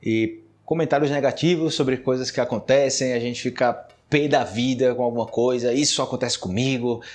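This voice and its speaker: A Brazilian man with a Brazilian Portuguese accent hosts a casual solo podcast teaching Portuguese. At medium pitch and normal speed, he talks conversationally with frequent tag questions, turning animated and rising sharply in pitch when he acts out what people say.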